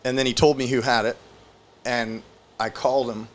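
A young man recounts a story on a casual podcast, his voice sitting in an ordinary middle pitch. He rambles, swears a lot and leans on "like" constantly. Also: little pitch movement, moderate pace, a little hiss or hum. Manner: rambling, profane, lots of "like". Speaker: podcast host.

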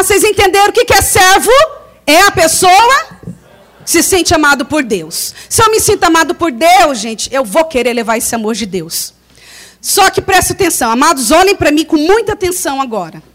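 High-voiced woman preaching with animated storytelling. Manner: animated storytelling, acts out dialogue, laughs often. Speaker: lay preacher. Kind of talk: testimony sermon to a congregation.

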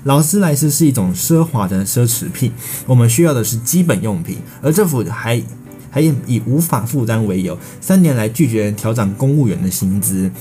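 A man's voice: medium pitch, lively intonation, normal speed, dark tone, faint music behind. A man with a Taiwanese Mandarin accent presenting breaking news, wordy, often restarting words as he goes. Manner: wordy, repeats filler phrases and restarts words mid-sentence. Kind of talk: breaking news reading, semi-scripted with ad-libbed bridging.

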